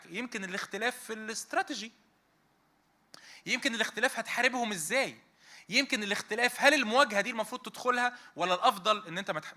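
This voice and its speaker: A man in his thirties or forties with an Egyptian Arabic accent, preaching a conversational sermon to a youth meeting and firing rhetorical questions at his listeners. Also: high voice. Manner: animated, fires rhetorical questions at the audience.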